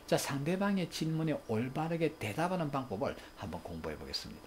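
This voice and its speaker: A man's voice: fairly high pitch, sing-song, quick pace, slight background noise. A middle-aged man giving a recorded lecture on parenting skills, acting out quoted family exchanges.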